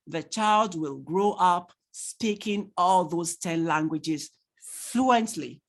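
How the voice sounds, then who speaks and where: High-voiced and animated, a male Nigerian-accented tutor lectures parents in an online training session over a computer mic. He stacks rhetorical questions and laughs easily while reading the chat.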